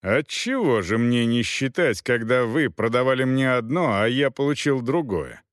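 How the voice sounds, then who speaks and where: Male reader doing a stubborn, cutting knight, lively pitch, dry close sound. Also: moderate pace, no room sound, close to an everyday voice. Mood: cool. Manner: cutting, accusing. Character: proud male knight, cold, haggling, quick to anger.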